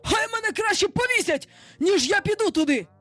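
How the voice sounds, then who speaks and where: A woman's voice: very high-pitched, animated, normal speed, soft background music, pitched above the performer's own voice. A woman narrator voicing a stubborn male pirate who grumbles and refuses orders defiantly.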